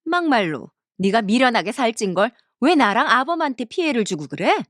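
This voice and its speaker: A woman's voice: fairly high pitch, big pitch swings, moderate pace, fairly bright tone, no room sound, clean studio sound. A woman voicing a harsh middle-aged mother-in-law in a story cartoon, speaking with contempt and berating her daughter-in-law. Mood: scornful.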